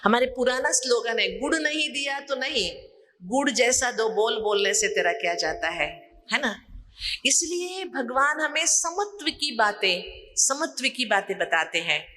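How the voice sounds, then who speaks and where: A woman's voice: fairly high pitch, sing-song, unhurried, sharp tone, a little hiss or hum. A woman with a Kannada accent giving a spiritual discourse, telling stories and asking the audience rhetorical questions. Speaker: spiritual teacher. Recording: long hall reverb.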